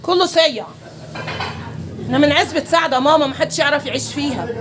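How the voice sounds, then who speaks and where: High, fast, quarrelsome older Egyptian woman. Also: background noise. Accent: Egyptian Arabic. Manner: quarrelsome, ranting, laughing bitterly between complaints. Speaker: landlady in a street dispute. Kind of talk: heated street argument. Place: outdoors on a street. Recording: street crowd behind.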